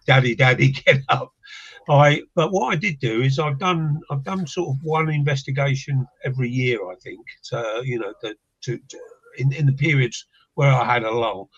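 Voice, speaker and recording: An older English man who investigates the paranormal talks as a guest in a casual chat, his mid-range voice carrying a breathy edge. He sounds reflective and hesitant, restarting often, over a dull lo-fi line.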